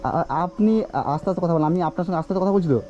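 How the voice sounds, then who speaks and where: A man's voice: high voice, rapid-fire, highs cut off, background noise. A man filming outdoors as a social worker vlogger, pressing with repeated questions. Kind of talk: confrontational street interview.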